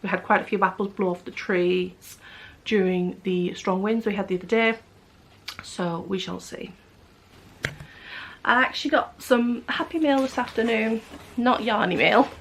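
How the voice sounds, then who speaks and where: A woman's voice: medium pitch, creaky, a bit bright, a little hiss or hum. A woman vlogger chatting casually to camera, rambling with many fillers and restarts. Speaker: knitting vlogger.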